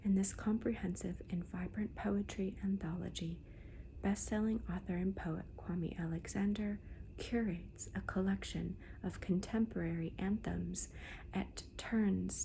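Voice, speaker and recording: A woman talks about books in a hushed, whispery ASMR style. Her delivery is very unhurried and deliberate, with gentle pauses and a crackly fry in the voice. Clear background noise sits behind her words. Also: medium pitch, steady tone. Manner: slow, deliberate, gentle pauses between phrases. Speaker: host of a book haul video. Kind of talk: soft-spoken ASMR book talk.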